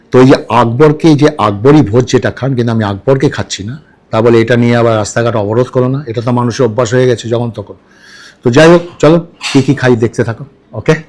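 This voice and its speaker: This casual food vlog has a man talking fast at a restaurant table in a medium-pitched, darkish voice, saying dish names over again and asking how viewers are doing.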